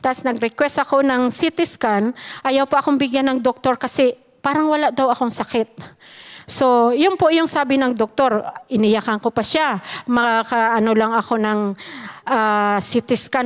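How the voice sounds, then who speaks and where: A Filipino woman with a high-sitting voice shares an earnest personal testimony with a church congregation. She speaks emphatically and often calls her listeners brothers and sisters.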